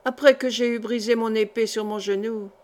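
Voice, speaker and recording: A woman's voice: fairly high pitch, steady tone, moderate pace, natural voice. A woman reading the lines of a proud, earnest young male officer in an audiobook.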